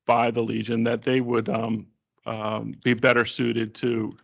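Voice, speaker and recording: A man's voice: mid-range voice, monotone, measured pace, gravelly, muffled recording. A man presenting as a developer at a public meeting, hesitant and repeating words.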